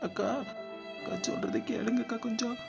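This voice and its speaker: A performer voicing a pleading, tearful character in a cartoon, with loud music behind. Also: medium pitch, fairly even intonation, moderate pace, vocal fry, lightly acted. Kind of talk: cartoon voice acting.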